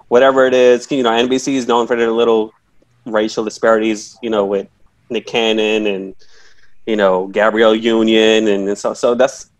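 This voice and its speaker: A man in his twenties hosting an interview, talking in a rambling, hesitant way with many fillers. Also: mid-range voice. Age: 20s. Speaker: interviewer, YouTube host. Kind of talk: casual interview.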